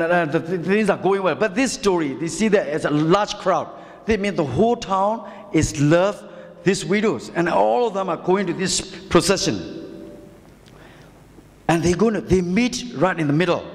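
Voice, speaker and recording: A male pastor delivers a sermon with a notably high voice. He speaks haltingly, repeating words and asking his listeners questions. The recording carries a long church hall reverb. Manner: halting, repetitive, asks rhetorical questions.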